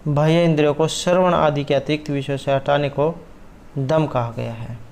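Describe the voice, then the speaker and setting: Man, somewhat high voice; methodical exam tutor. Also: fairly even intonation, moderate pace, a little mellow, a little hiss or hum. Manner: methodical, walks through answer options. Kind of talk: explaining exam questions.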